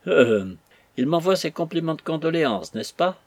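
A man voicing a ruined, furious old merchant in an audiobook, ranting bitterly with a husky voice. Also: on the high side, animated, normal speed, dry recording, voice pushed up. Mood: angry. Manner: ranting, bitter, raising his voice. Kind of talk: audiobook character voice.

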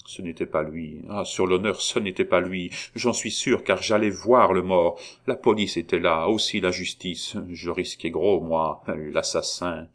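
A man reading aloud, voicing a guilt-haunted aristocratic count who confesses in halting, agitated bursts. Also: low-pitched. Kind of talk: audiobook reading.

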